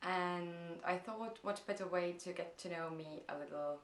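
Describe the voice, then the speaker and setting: Her voice sits fairly low and reverberates around the room as this young Estonian vlogger, accent clearly Estonian, casually tackles viewer questions. It's her first vlog, recorded indoors at her parents' place, and she pauses thoughtfully, with many "um"s.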